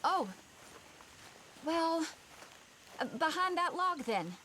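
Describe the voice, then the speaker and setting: A woman's voice: extremely high pitch, very animated, very slow, bright, forceful tone, a little hiss or hum, exaggerated voice. A woman playing a folksy, naive, upbeat animal-show performer with a rural American accent in a video game. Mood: earnest, surprised. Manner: folksy, earnest, exclamatory.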